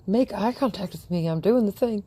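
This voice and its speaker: A woman's voice: mid-range voice, measured pace, dark tone, breathy edge. A woman dog trainer chatting through a training session outdoors in front of a house, cooing praise at the dog and laughing often.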